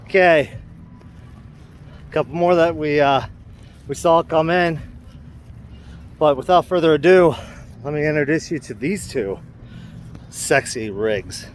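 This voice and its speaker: Guy vlogging outside in a parking lot, slightly high voice, slow easy talk, hyped. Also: background noise. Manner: enthusiastic, admiring. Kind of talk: casual walk-and-talk vlog.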